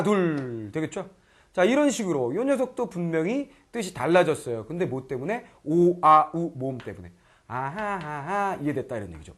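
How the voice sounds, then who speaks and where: A middle-aged man teaching Korean grammar in an online lecture, often asking if students follow and acting out learners' lines. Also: fairly high pitch. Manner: lively, keeps checking students understand; acts out foreign learners' lines in quoted voices.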